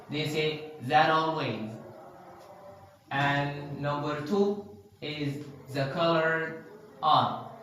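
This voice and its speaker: Man, teacher, slow drawn-out sound demos, crisp bright tone, strong room echo. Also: a little high. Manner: slow, deliberate demonstrations of word sounds. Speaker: English pronunciation teacher. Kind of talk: online language lesson. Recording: echoey room with faint background noise.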